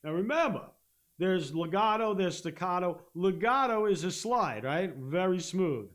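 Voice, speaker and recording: A man with a fairly high voice leads a live-streamed guitar lesson. He breaks each part down patiently, often checks in with "okay?" and hums the rhythms. Loud guitar playing runs underneath his voice. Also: animated, measured pace. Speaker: guitar teacher. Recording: guitar playing loudly behind. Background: guitar playing and looper.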